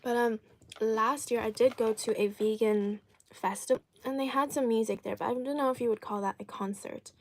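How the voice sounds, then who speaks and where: A woman's voice: fairly high pitch, steady tone, normal speed, a little mellow. A woman live streaming an eating show, chatting casually and answering viewers while chewing and talking with food in her mouth.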